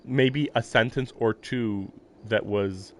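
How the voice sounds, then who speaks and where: A man reads a visual novel's narration aloud on a livestream, tossing in rambling, amused casual commentary. His mid-range voice moves slowly, and video game music plays behind him with slight background noise.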